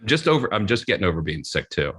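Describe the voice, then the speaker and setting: A man's voice: low voice, big pitch swings, fast talker, fairly bright tone, husky. A man co-hosting a podcast, telling rambling, self-mocking stories in casual chat and acting out what other people said. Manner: rambling, self-mocking storyteller who acts out others' lines. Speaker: podcast co-host.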